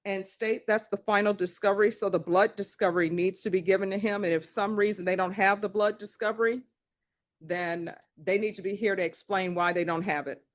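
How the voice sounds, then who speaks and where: Firm, measured woman judge. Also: mid-range voice, fairly even intonation. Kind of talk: courtroom proceedings. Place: courtroom.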